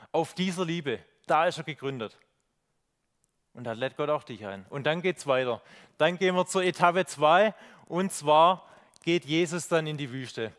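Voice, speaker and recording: A man whose voice is a little high delivers a reflective sermon with slides. He pauses on fillers and asks rhetorical questions.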